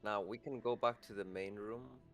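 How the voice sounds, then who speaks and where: A man chatting casually on a game stream, guiding the player in a relaxed way and laughing often. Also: lowish voice, normal speed, soft background music.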